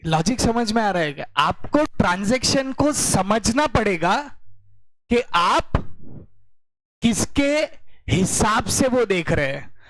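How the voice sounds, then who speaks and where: High-voiced joking commerce teacher, unhurried. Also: male voice, big pitch swings, fairly bright tone, no room sound, low-quality recording. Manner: joking, mixes Hindi with English explanations. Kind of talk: classroom lecture. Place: classroom.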